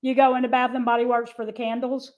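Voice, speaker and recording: A woman's voice: fairly high pitch, level tone, fast talker, phone-quality sound. A woman chatting casually as co-host of a livestream, laughing often and reading comments aloud. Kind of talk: casual chat.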